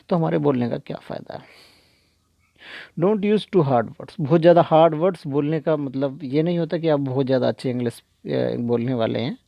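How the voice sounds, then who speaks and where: Gravelly-voiced male English teacher. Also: fairly high pitch, dry recording, dull audio. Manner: teaches step by step, reads English examples slowly. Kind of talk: spoken English lesson in Hindi.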